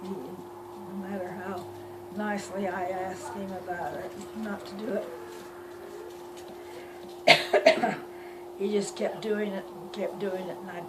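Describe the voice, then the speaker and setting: An elderly woman tells a story from memory at a slow pace, halting and circling back as she searches for words. Her voice sits at an average pitch, and the amateur home recording has loud noise behind it. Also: steady tone. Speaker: grandmother telling life stories. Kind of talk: elder telling story, informal reminiscence.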